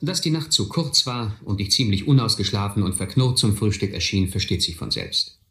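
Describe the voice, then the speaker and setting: In an echoey, slightly noisy radio play recording, an actor narrates in the first person as a reflective man yearning over his boyhood adventures. His fairly low voice is expressive and fairly bright, at a moderate pace.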